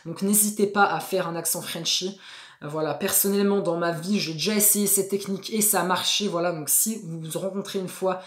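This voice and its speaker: A woman's voice: fairly low pitch, a little fast. Chatty woman in an echoey room. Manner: lively, chatty, uses slang fillers. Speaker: language-learning video host. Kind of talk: casual explanatory chat.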